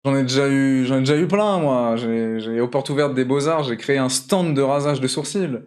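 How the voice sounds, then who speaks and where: A young man hosting a charity livestream from his home, chatting playfully and teasing while he draws, sometimes bursting into high shouts. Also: normal speed. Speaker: charity stream host. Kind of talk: casual livestream chat while drawing. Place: home room.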